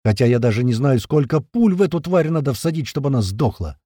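A man narrating a first-person audiobook in a colloquial, rough-spoken, vivid way. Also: mid-range voice, lively intonation, fast talker, warm tone, dry recording, clean studio sound.

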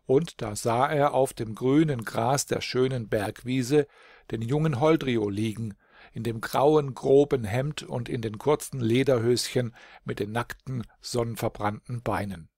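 A man's voice: mid-range voice, no echo. Man reading a fairy tale, dry studio sound. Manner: calm, measured storytelling. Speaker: audiobook reader. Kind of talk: scripted fairy-tale narration.

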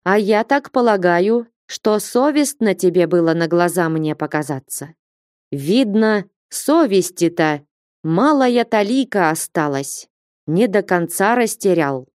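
Woman reading as a stern grieving old merchant, reproachful, slow, dry, storybook. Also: lowish voice, animated, a little mellow, dry recording. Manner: reproachful, threatening.

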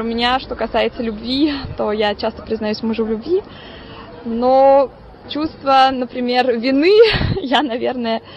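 A woman's voice: fairly high pitch, highs cut off, a little hiss or hum. A woman in her twenties answering a street interviewer cheerfully. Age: 20s. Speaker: passer-by interviewee.

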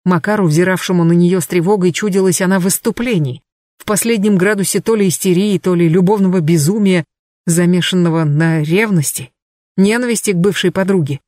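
A woman narrating an audiobook in a measured, expressive reading. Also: on the low side, dry recording, clean studio sound. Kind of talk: scripted narration.

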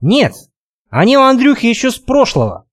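A man's voice: extremely high pitch, huge pitch swings, moderate pace, dry recording, studio quality, pitched above the performer's own voice, full character voice. Offhand young man, read by the narrator, dismissive.

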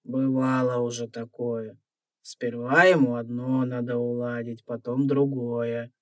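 A man's voice: medium pitch, level tone, a little slow, dry recording, close to an everyday voice. Guy doing an old dragon voice for a fairy tale audio play, wry n drawly, super polite in a teasing way, dry sound. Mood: leisurely, dismissive. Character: wry, courteous ancient male dragon, teasing and leisurely.

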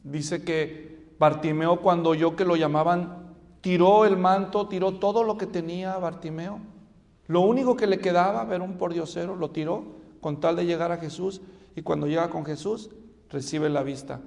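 A male preacher giving a sermon with animated storytelling and questions to the congregation. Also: high voice, moderate pace, vocal fry. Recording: reverberant hall.

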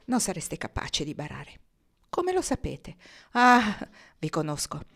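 A woman voicing a worldly, good-humored grown man in an audiobook, speaking calmly and wryly. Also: deep voice, vocal fry, heavily acted. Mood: amused, gentle. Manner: calm, wry, measured.

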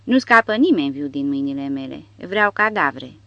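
A woman's voice: deep voice, expressive, no room sound, muffled recording. A woman voicing a huge brutish male soldier crazed with rage, roaring and frantic. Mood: menacing.

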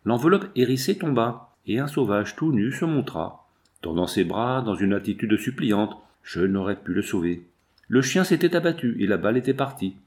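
Male audiobook narrator, measured first-person storytelling, dramatic pacing. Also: lowish voice, lively intonation, darkish tone. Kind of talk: scripted narration.

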